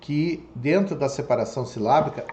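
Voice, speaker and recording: Explaining a Portuguese lesson step by step online, a man keeps checking in with "tá?" and "ok?". His voice is medium-pitched and a little mellow, at a normal speed. Faint background noise and room echo are audible.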